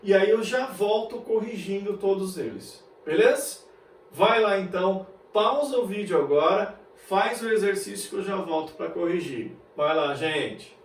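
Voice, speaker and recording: A man's voice: high voice, animated, unhurried. A man with a Brazilian Portuguese accent teaching an English grammar lesson, chatty, checking in with his students often through rhetorical questions. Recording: very echoey room, mic far off.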